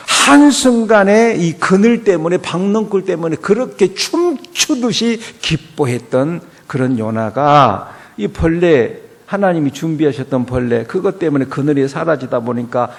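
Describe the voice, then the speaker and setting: A male pastor preaches a sermon at a church, his voice on the high side and creaky. He poses rhetorical questions and swings from quiet to loud.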